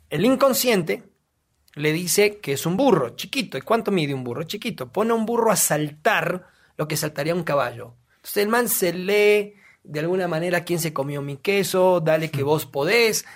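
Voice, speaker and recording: Guy on a podcast, kinda high voice with lots of gravel, keeps asking and answering himself. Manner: emphatic, asks himself questions and answers. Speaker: guest explaining reprogramming. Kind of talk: casual podcast explanation.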